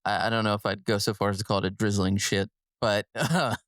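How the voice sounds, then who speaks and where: A man's voice: lowish voice, fairly even intonation, a little fast, fairly bright tone, no room sound, clean studio sound. A man co-hosting a casual film podcast. He chats loosely, laughing often and restarting his sentences. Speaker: podcast co-host.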